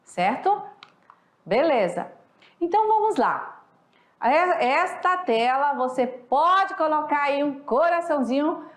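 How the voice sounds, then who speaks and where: A woman with a Brazilian accent teaching a recorded class. She talks in a chatty way and keeps checking in with her students. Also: sits high. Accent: Brazilian Portuguese. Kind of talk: recorded online class lecture. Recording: echoey room.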